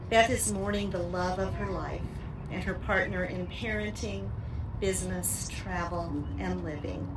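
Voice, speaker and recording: Female funeral officiant, scripted eulogy delivery, recorded from a distance with clear outdoor noise. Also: mid-range voice, roomy sound. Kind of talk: graveside eulogy, scripted tribute. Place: outdoor graveside service. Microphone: distant microphone.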